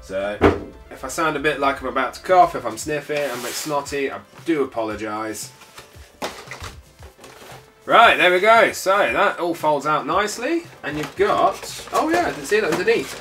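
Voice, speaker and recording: Over music, a toy collecting channel's host speaks in a slightly high, sing-song voice at normal speed. His cold leaves him congested and bunged-up, and he chats loosely while opening a collectible, full of filler sounds.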